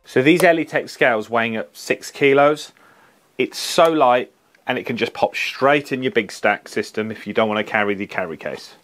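A man's voice: medium pitch, normal speed, fairly bright tone, faint music behind. Man giving a practical tool review. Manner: plain-spoken, practical, mildly jokey. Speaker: HVAC engineer reviewing tools. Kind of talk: product review presentation. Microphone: lapel mic.

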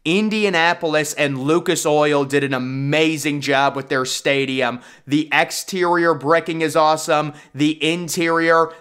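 A man's voice: a little high, fairly bright tone, smooth. A young man giving casual, opinionated commentary in a voice-over, enthusiastic and conversational. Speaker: YouTube sports commentator.

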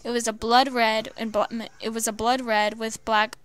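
A woman reading fan fiction aloud, halting with many stumbles and restarts. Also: on the high side, flat delivery, fairly bright tone, smooth. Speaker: storyteller.

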